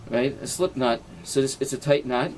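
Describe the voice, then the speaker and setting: A rabbi talks a small class through an informal lesson, showing knots with his hands as he explains each step. He keeps checking in with "right?" and drops Hebrew and Yiddish terms into his English. There is a faint hiss behind his middle-pitched voice. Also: normal speed, a little mellow. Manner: demonstrates knots with his hands while talking. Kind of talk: informal halacha lesson with demonstration.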